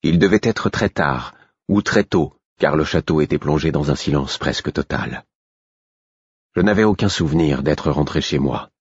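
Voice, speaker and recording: Un homme à la voix extrêmement grave et un peu voilée raconte une histoire à la première personne, d'un ton posé et régulier. L'enregistrement est sec, sans réverbération, avec un son légèrement terne. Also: male voice, rumbling low, normal speed, husky, no echo, highs cut off. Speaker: audiobook narrator. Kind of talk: scripted first-person narration.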